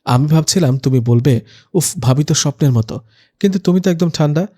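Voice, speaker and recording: A man's voice: a little high, lightly acted. A man voicing a talkative teenage younger sister who gushes, teases and takes offence easily in a spoken storybook. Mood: gushing. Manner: excited, gushing, quick to take offence.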